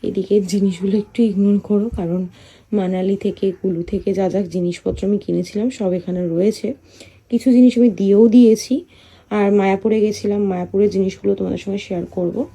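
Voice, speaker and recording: A woman vlogging softly at home, chatting about her chores while someone sleeps nearby. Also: medium pitch, steady tone, a little fast, rough recording. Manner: soft, hushed talk so as not to wake a sleeper; chatty, homely running commentary on chores. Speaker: family vlogger. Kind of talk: casual vlog narration. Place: home, indoors.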